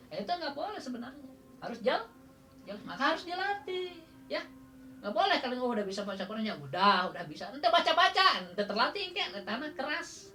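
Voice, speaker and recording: A woman's voice: medium pitch, fairly bright tone. A woman with a Sundanese accent teaching Quran recitation in a casual class, quizzing her students and chuckling often. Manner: counts out drawn-out letters as demonstration. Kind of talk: informal classroom lesson.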